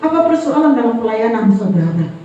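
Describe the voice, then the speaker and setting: High-voiced woman preaching in an echoey church. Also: big pitch swings, fairly quick, warm tone. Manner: emphatic, calls out to the congregation. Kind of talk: sermon. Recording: echoey church hall, distant mic, dull sound.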